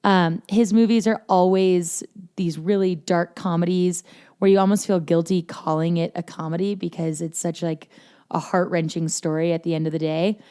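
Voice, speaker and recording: A woman talks through a film on her casual review podcast, rambling with plenty of "um" and "anyways". Her voice is smooth and clear, sitting a little low for a woman. She sounds relaxed and a bit self-deprecating. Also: normal speed. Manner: chatty, filler-heavy, self-deprecating. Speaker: podcast host.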